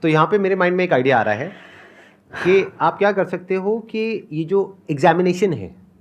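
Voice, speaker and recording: A man's voice: high voice, lively intonation, normal speed, muffled recording. A man hosting a live seminar, chatty and joking about himself, mixing Hindi and English. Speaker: seminar host.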